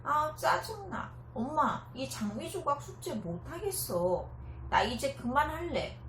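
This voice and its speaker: A woman voicing a frustrated, competitive young schoolgirl in a high, whiny child voice, read aloud in an echoey room. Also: sing-song, takes it slowly, fairly bright tone, a little hiss or hum, exaggerated voice.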